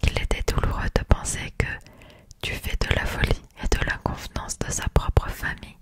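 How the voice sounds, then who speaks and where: A reader delivers scripted literary narration entirely in a soft ASMR whisper. The voice stays breathy and unvoiced, reading classic fiction like an audiobook meant for sleep.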